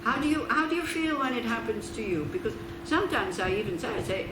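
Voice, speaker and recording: Her fairly high voice has lively intonation and a quick pace. She's a Buddhist nun from Switzerland giving a casual teaching talk, chatty and sprinkled with laughing asides and rhetorical questions. A far-off mic records her in a roomy space with background noise.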